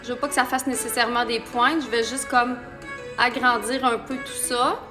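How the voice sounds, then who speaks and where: A woman's voice: on the high side, level tone, moderate pace, over music. A woman with a Québécois accent giving a chatty live makeup tutorial and talking viewers through each step. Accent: Québécois French. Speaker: makeup artist.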